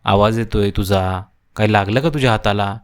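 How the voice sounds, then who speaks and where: A man's voice: on the low side, normal speed, smooth, natural voice. A man voicing a harsh, grumbling old woman of the house in a cartoon story, with a bitter, complaining way of talking.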